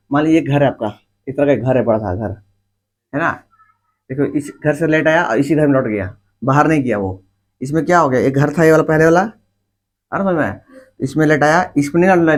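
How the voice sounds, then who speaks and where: Man, teacher, classroom lecture, repetitive, slightly high pitch, informal. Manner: repetitive, asks questions and answers them himself; informal, addresses students directly.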